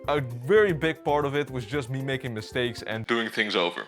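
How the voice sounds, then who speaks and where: A man's voice: mid-range voice, moderate pace, a bit bright, faint music behind. A man in his twenties from Bolivia answering viewer questions in a casual, unscripted chat from his bedroom, slangy, with lots of "like" and the odd swear word. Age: 20s. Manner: laid-back slangy chat with frequent "like" fillers and swearing.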